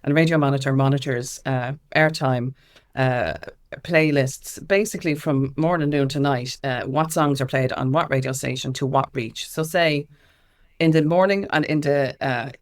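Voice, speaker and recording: An Irish woman, interviewed as a music equality campaigner, talks in a bass voice at normal speed. Her style is animated and anecdotal, repeating phrases for emphasis and acting out quoted exchanges.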